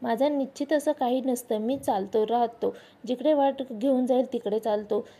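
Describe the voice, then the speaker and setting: A woman voicing a calm, philosophical old wandering man near seventy who speaks slowly and reflectively. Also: a little high. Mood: calm, musing.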